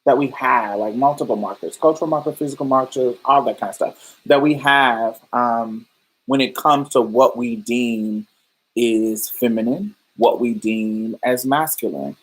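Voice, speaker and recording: Her bass voice is unhurried with a breathy edge, and the audio is poor. As host of a casual livestream podcast, the woman works through ideas loosely and thoughtfully for listeners, often restarting and using fillers.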